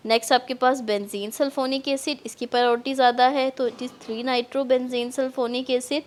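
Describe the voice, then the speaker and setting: A woman's voice: high-pitched, steady tone, measured pace. A woman chemistry lecturer with a Pakistani accent, explaining step by step in a classroom lecture and mixing in English terms.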